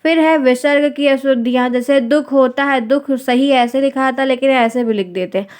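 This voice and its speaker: A woman teaching a language exam-prep class, saying each example word slowly and twice, putting questions to the class and answering them herself, with English words mixed in. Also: sits high, darkish tone, clear, resonant tone. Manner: mixes English words into speech.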